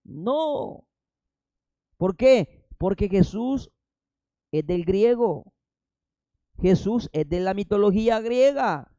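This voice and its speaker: A man's voice: sits high, lively intonation, slow, long pauses, mellow, no echo, highs cut off. A man preaching a fiery sermon with a Salvadoran Spanish accent, firing rhetorical questions and breaking in with emphatic interjections.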